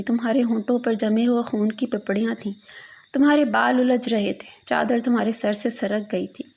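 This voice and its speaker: Gravelly-voiced woman reading a mournful story. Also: fairly high pitch, dark tone, dull audio. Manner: mournful, addressing her lost daughter.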